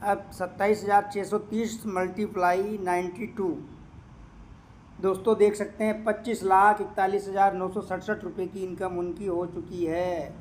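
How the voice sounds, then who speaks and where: A man walking viewers through a screen of earnings and doing the sums aloud, repeating the figures and pausing often to hesitate. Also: high voice, little pitch movement, a little hiss or hum. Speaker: crypto income promoter. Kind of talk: screen-share walkthrough with running calculations.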